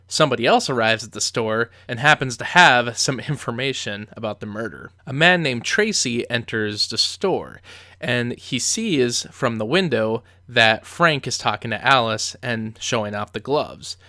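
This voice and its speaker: A man's voice: medium pitch, sharp tone, no echo, studio quality. A man giving conversational film commentary as a reviewer, telling the story with emphatic asides.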